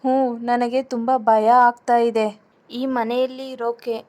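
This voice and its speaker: A woman voicing a frightened, timid young woman who speaks slowly in a trembling, tearful voice. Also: on the high side, little pitch movement, a little mellow.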